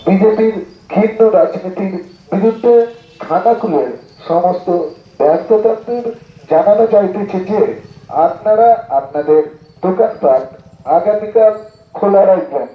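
A man making a formal political announcement through a loudspeaker megaphone, declaiming slowly in short measured phrases with pauses, outdoors. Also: high voice. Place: outdoors, public street. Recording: echoey, muffled loudspeaker sound.

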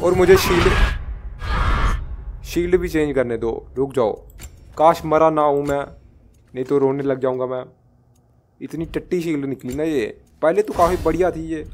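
A man giving excitable live commentary as a gameplay streamer, shouting at enemies mid-fight. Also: fairly high pitch, normal speed, long pauses, a little hiss or hum. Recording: loud game music behind voice. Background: loud game music.

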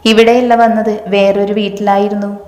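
A woman reading the lines of a frightened young woman who speaks haltingly and stammers, in an echoey room with a long reverb. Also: medium pitch, little pitch movement, warm tone, natural voice.

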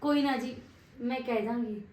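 A woman plays a young newlywed bride, complaining and insistent about what she is owed. Her voice is fairly high. The sound rings in an echoey room. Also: moderate pace, darkish tone, natural voice. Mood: meek. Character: young discontented new bride. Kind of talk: village family drama acting.

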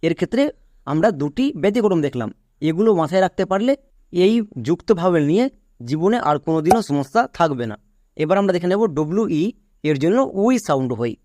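Higher-voiced man teaching pronunciation. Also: warm tone, dry recording, clean studio sound. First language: Bengali. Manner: spells words letter by letter and asks the class questions. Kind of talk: spelling-rule lesson.

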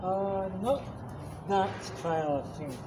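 Quiet young man through a gas mask. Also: sits high, animated, measured pace, noisy background. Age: young adult. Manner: quiet, hesitant short answers. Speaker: interviewee. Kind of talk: casual street interview.

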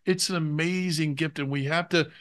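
A man's voice: on the high side, steady tone, normal speed, a bit bright. A man hosting a religious talk show, speaking in an earnest, emphatic way. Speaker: show host.

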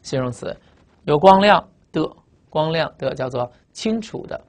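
A man teaching English vocabulary in Mandarin, repeating each word and explaining it with memory tricks and a steady stream of filler sounds. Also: on the high side, measured pace. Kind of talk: recorded vocabulary lesson.

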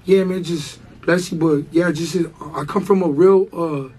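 A hoarse young man chats as an interview guest, rambling through slang, fillers and restarts. His voice is husky and a touch high, and it sits in a dark, mellow tone. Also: steady tone, moderate pace, poor audio. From Baldwin Park, Los Angeles. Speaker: rapper guest. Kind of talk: casual interview chat.

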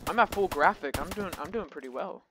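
A young man chatting casually while gaming, talkative and quick to laugh. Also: high voice, lively intonation, noisy background. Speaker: gamer chatting with friends.

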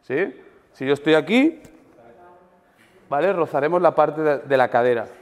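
Guy coaching a lifting class, kinda high voice, big echoey gym, keeps checking everyone's following. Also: normal speed. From Spain. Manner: animated, demonstrative, checks in with frequent ¿vale? and ¿sí?. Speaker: weightlifting coach. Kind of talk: coaching a seminar group. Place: large gym hall. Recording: long gym reverb.

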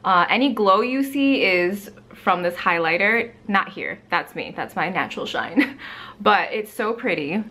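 A woman's voice: medium pitch, expressive, a little slow, bright, forceful tone. Woman beauty vlogger, thirties, chatty and gushing, filler-heavy, home room, camera in front. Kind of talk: casual product review. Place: bright home room with plants.

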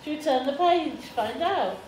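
A woman reading a picture book aloud to a young child in a slow, sing-song way, pausing for simple prompting questions. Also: sits high, animated, a little mellow. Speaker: teaching assistant reading with a pupil. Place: indoors in a school room, at a table. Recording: roomy echo, clear room noise.

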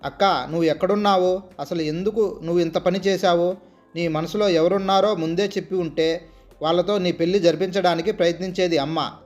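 A man with a high voice voicing a worried young woman, the younger sister, in a storybook reading, pleading and questioning. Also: fairly even intonation, a little fast, dull audio, faint music behind, lightly acted.

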